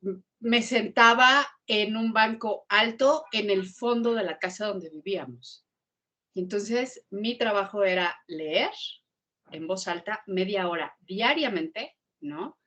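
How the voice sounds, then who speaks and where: A woman with a Mexican accent telling a lively story as a guest on a video call, in an animated way. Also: medium pitch, slow. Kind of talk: storytelling in an online class interview.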